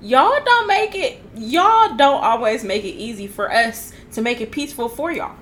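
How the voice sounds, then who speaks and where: A woman's voice: a little high, animated, moderate pace, fairly bright tone, a little hiss or hum. A woman co-hosting a casual podcast chat, talking bluntly and ranting with laughter. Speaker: podcast co-host.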